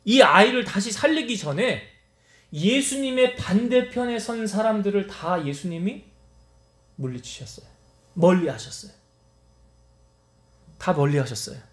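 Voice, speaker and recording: In an echoey church sanctuary, a male pastor preaches a Wednesday service sermon in a high-pitched, expressive, unhurried voice, pausing often. He acts out the lines of the people in his story.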